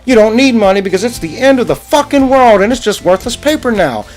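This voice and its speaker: A man putting on the voice of a loud, pushy male infomercial pitchman, with booming hard-sell patter over guitar music. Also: expressive, brisk.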